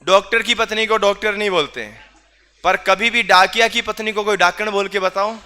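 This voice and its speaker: A man's voice: high voice, moderate pace, sharp tone, clean tone. A man teaching a class, quizzing students with repeated questions and teasing asides. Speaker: reasoning teacher. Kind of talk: online class lecture.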